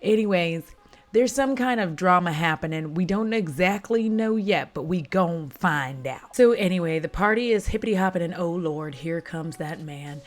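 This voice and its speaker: A woman's voice: lowish voice, animated, normal speed. A woman casually recapping a film at home while doing her makeup, chatty and dramatic, with frequent profane asides. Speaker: vlogger retelling a film.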